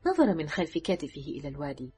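A woman narrating an audiobook thriller in a measured, dramatic reading. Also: low-pitched, huge pitch swings, darkish tone, soft background music. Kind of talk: scripted narration.

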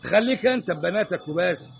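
Picture a skeptical middle-aged Egyptian butcher grumbling at a neighbor in a classic radio play. His voice is gravelly and bright, high for a man. The lines come quick and lively in pitch. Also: exaggerated voice. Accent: Egyptian Arabic. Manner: complaining, skeptical. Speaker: butcher shop owner.

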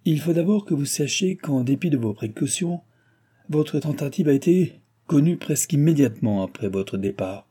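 A man's voice: a little high, expressive, moderate pace, dark tone, breathy edge, voice pushed up. A man voicing a tall, bony American doctor who speaks French with a guttural foreign accent, placid but firm and grumbling. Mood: phlegmatic.

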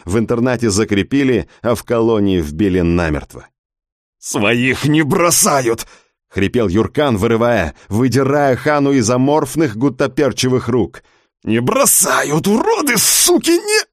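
A man voicing a rough, crude male treasure hunter who barks orders and swears. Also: medium pitch, moderate pace, few pauses, darkish tone, no room sound, clean studio sound, close to an everyday voice. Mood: desperate. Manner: gruff, swearing, barked orders.

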